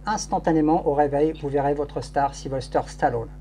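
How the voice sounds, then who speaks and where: A man's voice: fairly high pitch, moderate pace, mellow. A man working as a hypnotist in a live show, giving repetitive, commanding suggestions punctuated by shushing. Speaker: stage hypnotist. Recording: noisy live recording with hum.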